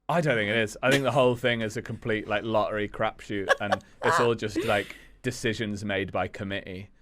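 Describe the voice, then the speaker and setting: A man's voice: lowish voice, steady tone, brisk, a bit bright, slight background noise. A man hosting a podcast in casual chat, with dry, teasing humour. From Leeds. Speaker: podcast host.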